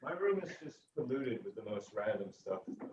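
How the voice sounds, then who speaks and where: A young man teasing his friends on a group video call and laughing often. His voice swings lively up and down in pitch. The audio comes through a bit dull and lo-fi. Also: brisk, slight background noise. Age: young adult. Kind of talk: casual banter.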